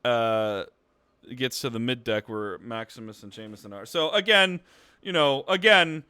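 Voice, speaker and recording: Bright, crisp-voiced young game master. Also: male voice, mid-range voice, measured pace, no echo. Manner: loose, profane, laughing banter with many fillers. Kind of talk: narrating a tabletop game with friends.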